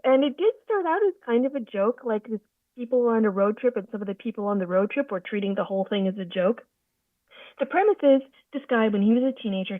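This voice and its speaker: A woman voice actor talks casually on a video call from her sofa, telling stories with lively, theatrical flair. Her voice comes through a narrow, phone-like line that sounds tinny, and the sound is dry and close, with no room around it. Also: on the high side, dry recording. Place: home sofa.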